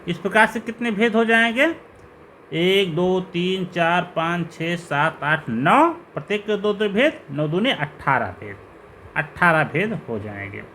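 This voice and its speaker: Teaching Sanskrit grammar, a man lists terms one by one in a slow, repetitive way, using rising questions to guide the class. His voice is high, expressive, and sharp in tone, with slight background noise.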